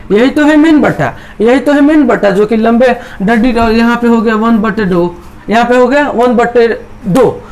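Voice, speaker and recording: Man, maths teacher, high pitch, repetitive step-by-step explaining. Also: darkish tone. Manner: repetitive, explains step by step, voices students' doubts. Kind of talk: chalkboard maths lesson.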